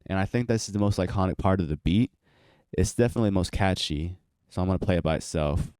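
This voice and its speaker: Speaking fast in a deep voice over heavy background noise, a young beat producer and channel host explains how he built a beat in his home studio. Allergies leave him sounding stuffy and congested in this casual tutorial.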